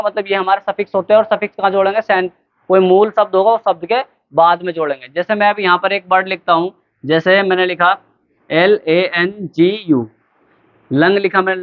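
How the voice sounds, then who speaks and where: A man teaching English grammar to students in a classroom-style lesson. He asks questions and answers them himself, calls the students "beta", and spells words out slowly letter by letter. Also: high voice, clean tone. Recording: tinny phone-like lo-fi recording.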